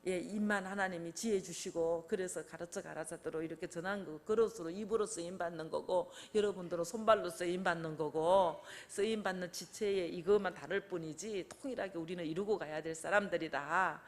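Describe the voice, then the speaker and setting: An older woman preaching a sermon in a conversational way, asking her listeners questions and acting out quotes with lively changes of voice. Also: on the low side, fairly quick, few pauses. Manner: conversational, asks the congregation questions.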